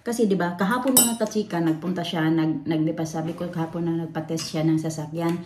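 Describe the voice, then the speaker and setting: A woman's voice: on the low side, fairly even intonation, a little fast, a little mellow. A woman from the Philippines chatting casually in a rambling home vlog, full of fillers and restarts. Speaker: vlogger. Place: at home in a room. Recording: echoey room, faint noise.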